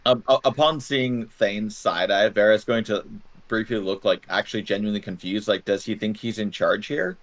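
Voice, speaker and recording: A man's voice: on the low side, fairly even intonation, moderate pace. A man chatting casually as a tabletop game player, describing what a character does.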